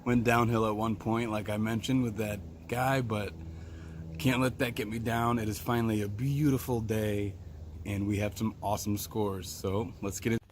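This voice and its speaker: A man vlogging casually, telling animated, excitable stories with fillers and laughs, partly recorded outdoors. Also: lowish voice, normal speed, a little hiss or hum. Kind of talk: casual vlog storytelling.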